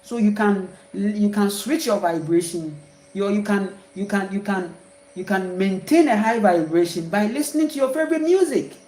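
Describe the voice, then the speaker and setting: In a warm, medium-pitched voice at a moderate pace, a Ghanaian-accented woman offers a rambling, repetitive spiritual monologue peppered with emphatic exclamations. The recording is low quality and roomy.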